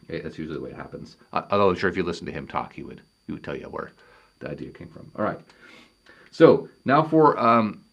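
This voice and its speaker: Deep-voiced man lecturing at a whiteboard. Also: very animated, creaky. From Canada. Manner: halting, thinks aloud while writing equations.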